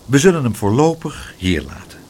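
A man's voice: mid-range voice, very animated, normal speed, a little mellow, slight background noise, close to an everyday voice. Man doing a grumpy weather-experiment man. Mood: cross. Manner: peevish and scolding. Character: fussy grumpy grown man who runs weather experiments.

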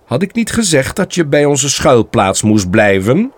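A man voicing a stern, noble father stag in a storybook reading, speaking in a deep, slow, grave way. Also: very animated.

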